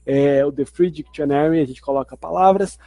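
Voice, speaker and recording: A man's voice: a little high, normal speed, mellow, dry recording. A man teaching a video lesson in an explanatory way, restating each point twice. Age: adult. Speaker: language teacher.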